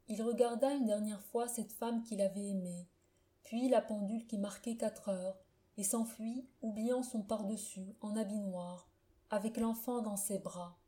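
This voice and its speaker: A woman's voice: mid-range voice, a little slow, mellow. Solemn woman reading a classic tale. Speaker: narrator. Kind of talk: literary audiobook reading.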